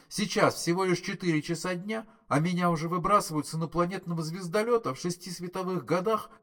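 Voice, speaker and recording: A man's voice: high voice, a bit bright, pitched above the performer's own voice. A man voicing a panicky, put-upon human man who complains shrilly.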